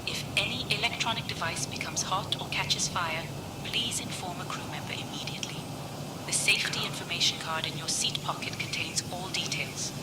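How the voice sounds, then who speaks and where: A woman's voice: fairly low pitch, moderate pace, whispered, low-quality recording. Woman giving a cabin safety announcement. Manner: formal, steady, instructive. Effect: cabin loudspeaker announcement. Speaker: flight attendant announcer. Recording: loud engine hum behind.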